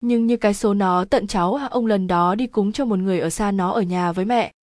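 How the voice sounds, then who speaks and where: A woman narrating a spooky village story in a steady, even storytelling tone. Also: medium pitch, a little fast, no echo, studio quality.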